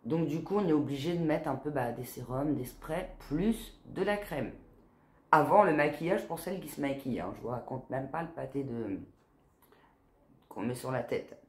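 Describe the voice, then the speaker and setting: A woman's voice: sits low, moderate pace. A woman in her forties chatting casually as a beauty vlogger, with a nasal, stuffed-up smoker's voice that sounds tired. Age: 40s. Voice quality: nasal, congested; smoker's voice, not soft. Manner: chatty, informal, tags sentences with quoi and hein. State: blocked nose, tired. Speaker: beauty box unboxing vlogger. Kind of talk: casual chat to camera. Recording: echoey, roomy sound.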